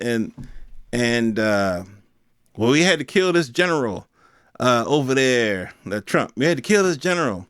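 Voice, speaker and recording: This American podcast host has a high voice that is clear, resonant and a bit bright. He improvises a casual, colloquial opinion monologue, asking rhetorical questions and acting out imagined speakers, in a clean studio recording with no echo.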